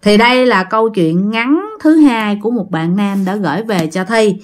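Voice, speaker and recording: A woman's voice: mid-range voice, normal speed. A woman telling listener-sent ghost stories as a channel host, chatty and often talking straight to her audience. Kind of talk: told ghost story narration.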